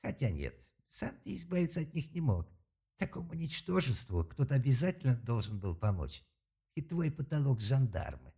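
A man's voice: on the low side, very animated, brisk, hardly any pauses, warm tone, husky, voice pushed up. A man voicing an arrogant, hot-tempered young male mage student in an audiobook, speaking with a contemptuous snarl. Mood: hissing. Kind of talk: audiobook character voice.

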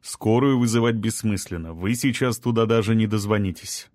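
A man voicing a composed lawyer who gives calm, firm instructions during a rescue. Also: on the low side, moderate pace, no room sound, clean studio sound, natural voice.

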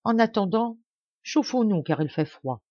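A woman reading a fairy tale aloud, voicing an impulsive, quarrelsome poor peasant wife in a lively, excitable way. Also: medium pitch, a little slow, no echo. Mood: musing. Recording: dry, slightly dull home recording.

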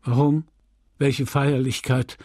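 A man voicing a grief-stricken middle-aged country doctor who stammers and bursts into shouting. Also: medium pitch, little pitch movement, takes it slowly, no room sound, studio quality. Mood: bewildered.

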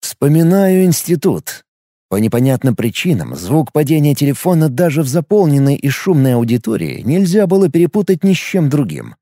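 A man reading a first-person audiobook story in a steady, measured way. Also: fairly high pitch, dry recording, clean studio sound. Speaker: audiobook narrator. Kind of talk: first-person scripted narration.

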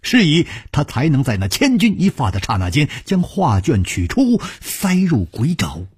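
Husky, dramatic male storyteller. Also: huge pitch swings, a little mellow, no room sound, studio quality. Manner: dramatic, drawn-out delivery with sudden high exclamations. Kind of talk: traditional Chinese oral storytelling.

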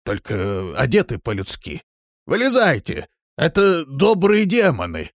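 A man reading an audiobook, voicing a hoarse, shaggy, bearded village peasant. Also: medium pitch, lively intonation, normal speed, no echo, clean studio sound, natural voice. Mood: relieved. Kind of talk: audiobook character voice.

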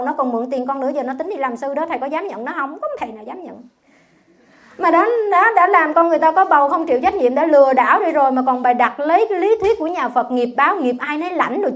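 Buddhist nun, middle-aged woman, high voice, lively scolding sermon, chatty storytelling. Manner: animated, scolding, colloquial storytelling. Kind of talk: dharma talk.

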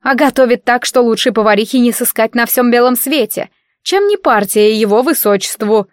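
Storybook mother, middle-aged and fussy, shrill and loud as a female reader puts her on, dry recording. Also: moderate pace, no room sound, lightly acted. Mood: boastful. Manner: shrill and indignant.

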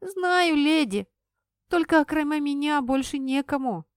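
A woman voicing a stubborn ten-year-old village boy who talks gruffly and sniffles in an audiobook. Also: mid-range voice, unhurried, no echo, studio quality, lightly acted. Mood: tearful. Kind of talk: audiobook character voice.

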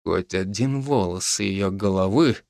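A man voicing a calm, tough police major who speaks low, quiet and hoarse. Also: measured pace, no room sound, studio quality. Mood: grim.

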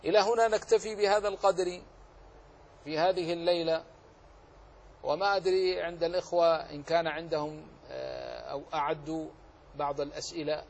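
A man's voice: fairly high pitch, steady tone, fairly quick, gravelly, pauses often, slight background noise. A man teaching a tajweed lesson who explains each rule and then recites the correct form as an example.

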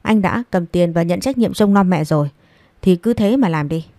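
A woman's voice: lowish voice, expressive, moderate pace, dark tone, no room sound. A woman voicing a blunt middle-aged man who talks down to his older brother in a scolding way. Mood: curt. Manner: curt, scolding.

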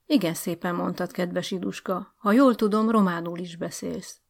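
A careful, formal school director , as a woman storyteller plays him who keeps everyone calm with polite, measured phrasing. The voice has a gravelly rasp. Told as an audiobook. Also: lowish voice. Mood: placating. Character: cautious middle-aged male school director.

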